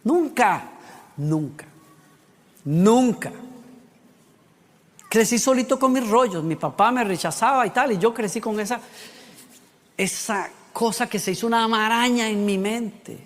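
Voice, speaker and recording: A man preaching a sermon, telling stories with lively acted asides. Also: very high-pitched, moderate pace. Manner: animated storytelling with acted asides. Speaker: pastor. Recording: long hall reverb.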